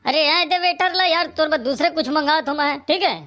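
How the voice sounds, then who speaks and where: A voice actor playing a calm village friend in a cartoon comedy, soothing and coaxing in a Chhattisgarhi accent. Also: high voice, a little fast, heavy background noise, close to an everyday voice.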